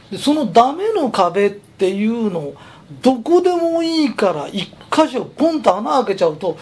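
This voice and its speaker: A man's voice: high-pitched, darkish tone, slightly rough. A man who runs a company, giving a chatty, emphatic motivational talk. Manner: chatty, emphatic, persuasive storytelling. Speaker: company president.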